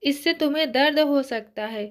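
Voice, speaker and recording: Woman reading as a gentle, protective young man. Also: high-pitched, normal speed, close to an everyday voice. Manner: gentle, reassuring.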